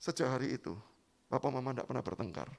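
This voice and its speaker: A man voicing an angry young husband who loves his cat, shouting reproaches at his wife. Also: mid-range voice, lively intonation, fast talker, gravelly, voice pushed down. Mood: calm, fatherly.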